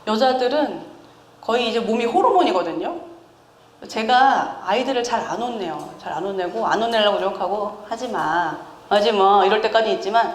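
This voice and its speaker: A woman in her thirties giving a chatty sermon, lively and often laughing as she teases the congregation. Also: medium pitch, brisk. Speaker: preacher. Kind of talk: conversational sermon. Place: church sanctuary. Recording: echoey church hall with faint ambience.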